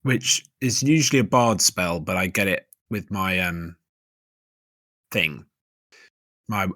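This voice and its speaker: A man playing a tabletop game, laying out his plan deliberately and checking the rules. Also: fairly low pitch, fairly bright tone, no room sound, studio quality. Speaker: player. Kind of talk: casual tabletop play.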